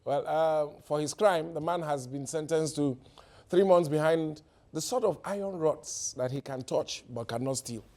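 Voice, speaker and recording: A man's voice: on the high side, moderate pace, darkish tone, a little hiss or hum. A man with a Nigerian accent hosting a satirical news show, delivering headlines with wry jokes and laughing at his own punchlines.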